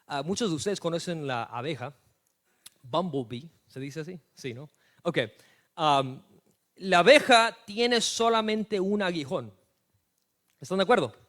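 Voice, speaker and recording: Man, pastor, sermon, high voice, animated storytelling, hushed then emphatic. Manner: storytelling, animated, swings from hushed asides to loud emphatic lines.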